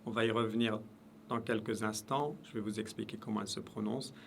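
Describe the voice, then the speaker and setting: A man's voice: lowish voice, fairly even intonation, fairly quick, vocal fry, a little hiss or hum. A man teaching Arabic letter pronunciation, repeating each sound in patient drills. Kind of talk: pronunciation lesson.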